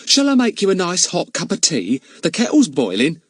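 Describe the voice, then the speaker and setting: A man performs an exaggerated audiobook voice for a talkative older housekeeper, a woman who takes offense easily, gossips, and keeps deferring to her employer with "sir" after "sir." Pitched above his own natural voice, it is high and breathy-edged with wildly swooping pitch, delivered at normal speed in a clean studio with no room sound.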